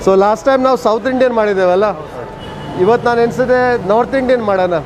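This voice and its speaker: A man with a South Indian Kannada accent presenting a food vlog as host, with deliberate, emphatic phrasing. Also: very high voice, noisy background.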